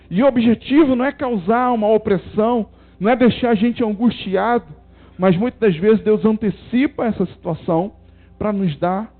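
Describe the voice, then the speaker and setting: A man preaching a sermon as pastor, in short emphatic repeated phrases. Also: high-pitched. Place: church service. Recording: tinny phone-like sound with faint music.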